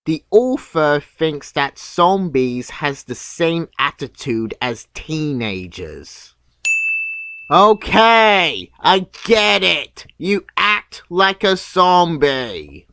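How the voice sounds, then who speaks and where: A man giving scripted, nitpicking video commentary in a deadpan, sarcastic manner. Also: on the high side, drawn-out words. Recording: clear background noise.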